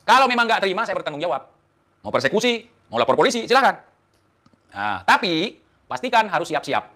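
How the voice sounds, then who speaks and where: A man's voice: high voice, very animated, a little fast, pushed and bright. A man hosting an online talk show, delivering a defiant, taunting monologue to the camera full of rhetorical questions. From Indonesia.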